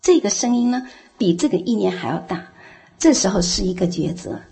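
A woman's voice: mid-range voice, big pitch swings, a little fast, creaky, warm tone, husky. A woman giving a heartfelt personal testimony in church, telling her story earnestly and growing fervent. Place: church, speaking from the front.

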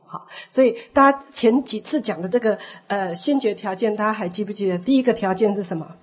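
A woman's voice: mid-range voice, fairly quick, slightly rough. A woman leading church teaching, explaining points and asking the congregation questions. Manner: instructive, asks the congregation questions. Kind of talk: sermon teaching.

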